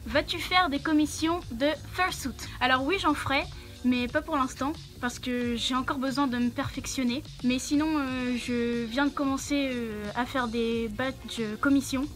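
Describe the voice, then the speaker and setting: A young woman answering viewer questions while wearing a costume head, so her voice comes through muffled. She speaks high, with frequent hesitant fillers between short phrases. Faint music plays quietly behind her. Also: fairly even intonation, moderate pace. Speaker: channel host answering questions. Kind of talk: casual Q&A vlog.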